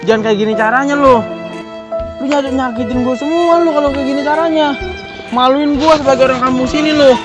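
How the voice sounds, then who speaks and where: A man's voice: very high voice, brisk, over music. Bossy Betawi man scolding. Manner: scolding, bossy, loud village banter. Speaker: village tough confronting extortionists. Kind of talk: amateur Betawi comedy short acting.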